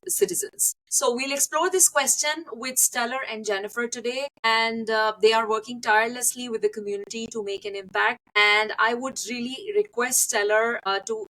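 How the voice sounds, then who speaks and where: A woman hosting a podcast interview who speaks at a measured pace and introduces topics with small fillers. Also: on the high side, bright, forceful tone, rough recording. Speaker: podcast host.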